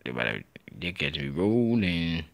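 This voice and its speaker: A young man giving casual, excitable gameplay commentary, trash-talking and laughing as he plays. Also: sits low, moderate pace, vocal fry. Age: young adult. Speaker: gaming YouTuber.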